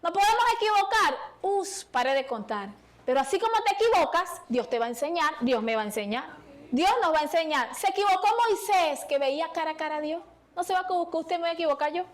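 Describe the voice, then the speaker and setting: Woman preacher, high voice, fervent sermon, small church, pleading with the congregation. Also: animated, quick pace.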